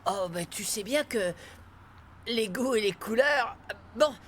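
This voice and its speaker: A woman's voice: fairly high pitch, expressive, slow pace, slight background noise. A woman voicing an awkward youngster in a cartoon, hesitant and evasive. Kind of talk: animated cartoon acting. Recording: loud music behind the voice.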